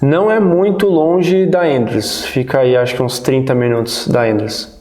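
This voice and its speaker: A man in his thirties, born in the United States, recalling his childhood as a guest in a relaxed, rambling interview. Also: medium pitch, normal speed. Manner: relaxed, rambling, many restarts. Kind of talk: casual interview storytelling. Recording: roomy echo.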